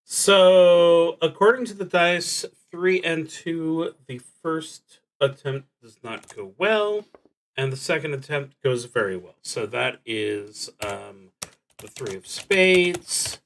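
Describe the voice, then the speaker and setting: This man streams himself playing a solo tabletop RPG, reading prompts and reasoning out loud in a slow, deliberate, halting manner with long gaps. His voice sits a little high.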